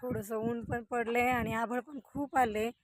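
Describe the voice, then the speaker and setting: Young woman, fairly high voice, casual outdoor phone vlog with faint wind behind her. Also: steady tone, moderate pace. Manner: chatty, talks straight to viewers while walking. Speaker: vlogger. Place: outdoors on a farm. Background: faint wind and outdoor noise.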